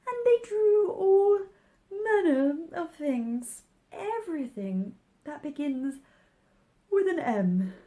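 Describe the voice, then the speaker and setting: Here is a small, sleepy dormouse out of a storybook, voiced by a woman. It talks in a high, lively-pitched voice with a drowsy, huffy manner. It sulks and bristles as it tells its tale. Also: slow, exaggerated voice. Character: sleepy, sulky, indignant little dormouse storyteller. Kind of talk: storybook character voice.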